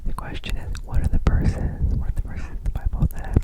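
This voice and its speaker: A man whispers ASMR ear to ear close to the mic, repeating words and phrases, with wet mouth sounds and gum chewing. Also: a little fast. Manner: whispers throughout. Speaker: ASMR channel host.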